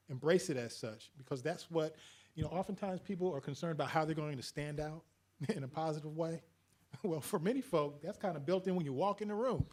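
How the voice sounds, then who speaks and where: Speaking as a panelist to an audience, a man is earnest, chuckles now and then, and uses plenty of fillers. His voice is fairly high and somewhat dark in tone.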